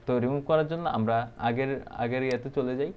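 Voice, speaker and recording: A man's voice: mid-range voice, fast, muffled recording, slight background noise. A man giving a casual programming tutorial, thinking aloud with many fillers and checks. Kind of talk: casual screen-recorded coding tutorial.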